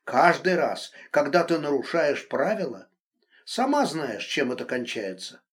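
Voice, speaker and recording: Brief: male narrator doing an enraged, possessive married man in an audiobook, high and loud, shouts then hissed threats. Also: sing-song, a little slow. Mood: curt. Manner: shouting accusations, then hissing low threats. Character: angry middle-aged married man, controlling and furious. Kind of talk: audiobook reading.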